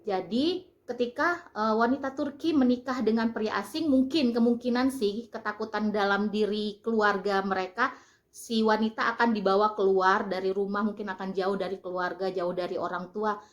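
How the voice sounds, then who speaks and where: An Indonesian woman talking casually to her vlog audience. She explains things at an easy pace, pausing often with fillers as she searches for words. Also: medium pitch, fairly even intonation. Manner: chatty, explaining, frequent fillers. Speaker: vlogger. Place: lives in Turkey.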